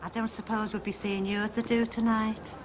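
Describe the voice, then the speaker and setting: A woman's voice: a little high, level tone, a little fast, close to an everyday voice. An actress playing a gushing, sentimental woman in a 1980s TV soap, heard on a hissy old broadcast. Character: gushing, sentimental older-ish neighbour woman.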